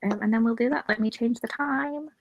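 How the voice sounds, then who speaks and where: Stream host, woman, unhurried talk over a video call, dry close sound. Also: a little high, no room sound, highs cut off. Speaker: host of a reading sprint stream. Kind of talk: casual group chat on a livestream.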